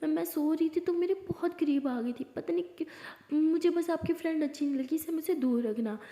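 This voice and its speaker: A woman's voice: high-pitched, fairly quick, mellow, pitched above the performer's own voice. A woman voicing a touchy young woman recovering from illness who insists she is fine and pushes people away. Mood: upset, shouting. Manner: defensive, insistent. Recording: roomy with long reverb.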